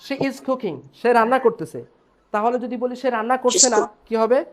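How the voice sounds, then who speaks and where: A man's voice: very high voice, fairly quick, slight background noise. Man teaching online. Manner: explains step by step, checks in with students. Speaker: English teacher. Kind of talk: online class lecture.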